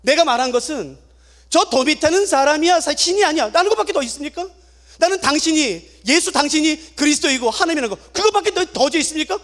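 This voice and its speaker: A man's voice: extremely high pitch, lively intonation, fast talker, a bit bright, pitched above the performer's own voice, heavily acted. A man voicing a persecuted believer who cries out to God in anguish. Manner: anguished, imploring.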